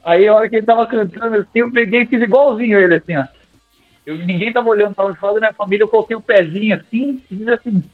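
A young man, a singing teacher, telling animated, slangy stories in a podcast interview and acting out his own old lines. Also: sits high, rapid-fire. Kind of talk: casual storytelling in a podcast interview. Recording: tinny phone-like sound with faint music.

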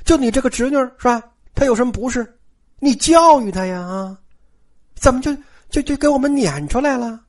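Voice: high voice, animated, fairly quick, darkish tone, voice pushed up. A storyteller voicing an indignant middle-aged servant woman who complains sarcastically. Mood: aggrieved. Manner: whining, sarcastic.

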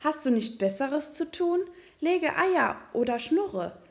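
A woman's voice: sits high, big pitch swings, slow, voice pushed up, full character voice. Woman putting on a scolding know-it-all hen. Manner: mocking, lecturing.

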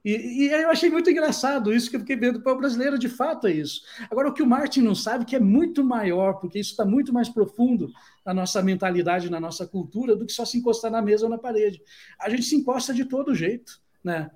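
A man's voice: very high voice, fast, darkish tone. A Brazilian man in his forties with a Brazilian Portuguese accent, giving a conversational, reflective talk and often ending his points with a questioning tag. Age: 40s. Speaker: speaker sharing opinions.

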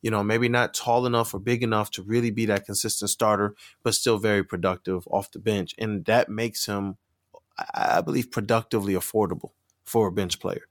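Low-voiced man, hesitant podcast guest. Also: steady tone, a little fast, no room sound. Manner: hesitant, many fillers and repeats. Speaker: podcast guest, sports media member. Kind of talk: casual sports podcast chat.

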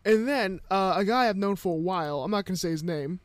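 A man's voice: high-pitched, quick pace, dry recording. A young man co-hosting a podcast, telling a story in a rambling, casual way with many restarts. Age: young adult. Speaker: podcast co-host. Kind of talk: casual chat.

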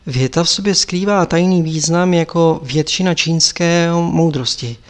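A man reading an audiobook, voicing an old male lama abbot who admonishes his pupil in a measured, lecturing way. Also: a little high, lightly acted. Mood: explaining.

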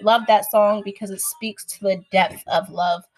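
A woman's voice: medium pitch, fairly even intonation, normal speed. A woman hosting and chatting casually to her listeners about songs she loves, in an upbeat, friendly way. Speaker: host sharing song picks. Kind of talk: casual chat. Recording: faint music in the background.

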